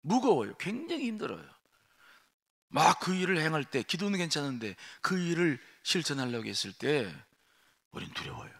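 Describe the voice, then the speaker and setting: A male pastor preaches a sermon at an early-morning prayer service in a fairly high, ringing voice. His delivery is emphatic and full of movement, dropping to quiet asides and then rising to forceful outbursts. He keeps asking the congregation rhetorical questions. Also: sing-song, moderate pace. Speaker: senior pastor.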